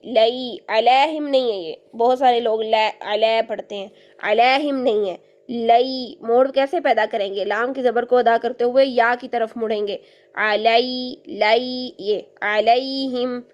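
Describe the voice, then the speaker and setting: Woman teacher, slightly high pitch, patient, repeats each point, step-by-step lesson. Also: darkish tone, highs cut off. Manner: patient, repeats points with frequent check-ins. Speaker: Quran recitation teacher.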